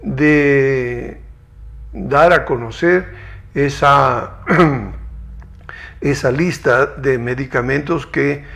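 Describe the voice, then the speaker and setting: A man hosting a televised science interview, asking measured, formal questions. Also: mid-range voice, gravelly, a bit bright.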